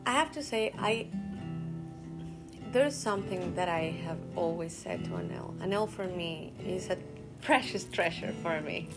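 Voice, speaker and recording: A woman from Colombia, an actor, speaking deliberately and admiringly in a documentary interview. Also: lowish voice. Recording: guitar music under voice. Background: guitar music.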